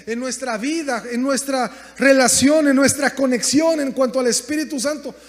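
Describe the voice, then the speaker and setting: A man preaching a sermon as pastor, in impassioned bursts that drop to quiet asides. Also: very high-pitched, normal speed. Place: church sanctuary. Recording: long hall reverb.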